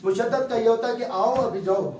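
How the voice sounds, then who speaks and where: His voice is very high yet somewhat dark in tone as he, a recitation teacher, patiently lectures a class, breaking things into steps and pausing often to confirm understanding. Captured from afar in a reverberant room, with a low hum faintly audible.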